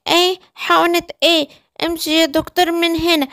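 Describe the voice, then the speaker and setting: A woman's voice: very high-pitched, level tone, fairly quick, a bit bright, no echo, clean studio sound, pitched above the performer's own voice. A woman with an Egyptian Arabic accent voicing a stubborn little girl giraffe in a children's cartoon story, talking in a childish, defiant way.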